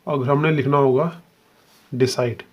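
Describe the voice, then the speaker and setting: Male tutor walking through a shorthand lesson slowly and patiently, mid-pitched voice. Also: steady tone, muffled recording. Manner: patient, repeats "ठीक है" and spells sounds out slowly. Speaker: shorthand teacher. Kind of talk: step-by-step video lesson.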